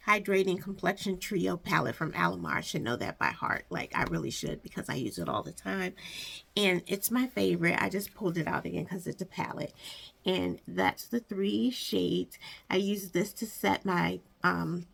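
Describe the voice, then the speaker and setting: A woman's voice: on the low side, measured pace, gravelly, a bit bright, slightly rough. A woman talking casually to viewers as a beauty vlogger, rambling and thinking aloud as she corrects herself. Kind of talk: casual makeup stash chat to viewers. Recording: audible background noise.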